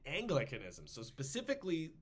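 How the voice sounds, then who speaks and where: A man's voice: on the high side, a little fast, husky. A man hosting a casual history podcast, joking around and slipping into silly voices. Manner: animated, jokey, puts on silly voices. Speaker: podcast host.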